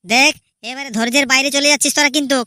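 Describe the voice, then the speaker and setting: A woman's voice: high voice, rapid-fire, bright, forceful tone, no room sound. A woman voicing a stubborn, defensive young husband in a cartoon. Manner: defensive, irritated, firm.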